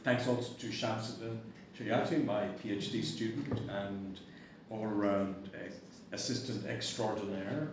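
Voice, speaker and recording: A man chairs a conference and gives its closing remarks, brisk and courteous as he thanks the people involved. His voice sits fairly low and comes from a distance, with a strong echo off the hall. Steady noise runs underneath. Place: university lecture hall. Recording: echoey hall, distant mic, noisy.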